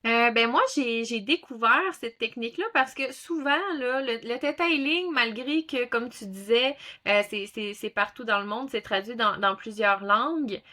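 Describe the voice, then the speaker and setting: A Québécois woman in her thirties, a ThetaHealing instructor from Quebec, is a guest in a casual interview, using lots of fillers and restarting often. Her voice runs on the high side at a moderate pace with few pauses, bright and forceful.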